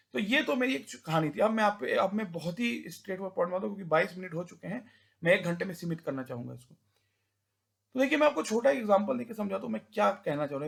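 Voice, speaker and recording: A young man giving an informal talk, rambling with many restarts and repeated words, and now and then taking on a rough rustic voice to act out village elders. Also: high-pitched.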